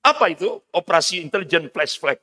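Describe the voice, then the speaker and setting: A man delivers an emphatic, declamatory sermon as an Islamic preacher, with Quranic recitation. His voice sits high and sounds bright and forceful. A long hall reverb trails his words. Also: animated, quick pace.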